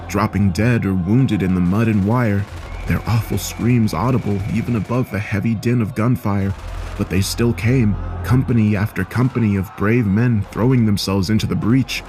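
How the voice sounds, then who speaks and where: A man narrating a scripted horror story in a steady, grave manner. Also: on the low side.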